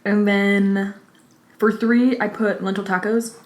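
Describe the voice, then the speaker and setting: A woman hosting a mukbang, chatting informally with lots of "like", pausing to take bites and chew, slightly out of breath. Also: medium pitch, steady tone. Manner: informal, peppered with "like". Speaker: mukbang host. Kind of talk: casual chat while eating. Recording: roomy, echoey indoor sound.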